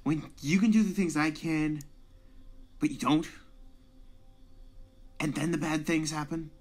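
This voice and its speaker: A woman's voice: deep voice, steady tone, unhurried, darkish tone. A woman voicing a nervous, earnest teenage boy superhero in an amateur film dub, hesitant and stammering.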